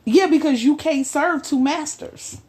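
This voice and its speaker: A woman co-hosting a podcast discussion, speaking emphatically with a preaching cadence and slow, stressed phrases. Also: high voice, warm tone. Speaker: podcast co-host.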